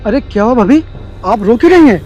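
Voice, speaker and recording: A young man playing an eager younger brother-in-law who coaxes and flatters. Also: very high voice, fast talker, highs cut off, soft background music. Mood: coaxing. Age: young adult. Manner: coaxing, flattering.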